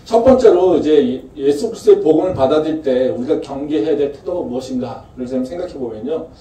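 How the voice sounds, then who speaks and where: A man's voice: fairly high pitch, expressive, fast talker, warm tone. A male pastor giving a conversational sermon with rhetorical questions, recorded from a distance in a church. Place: campus church sanctuary. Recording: echoey church room from far off, faint noise.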